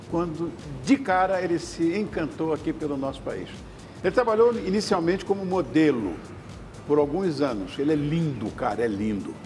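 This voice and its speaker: Effusive older male TV host, slightly high. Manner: effusive, jokey and flattering. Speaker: TV talk show host. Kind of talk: casual studio chat. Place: TV studio kitchen set.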